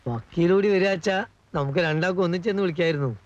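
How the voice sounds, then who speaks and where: An actor playing a jittery, gossiping household helper in a 1980s film drama, fussy and anxious. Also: male voice, sits high, quick pace, highs cut off, lightly acted. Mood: grumbling.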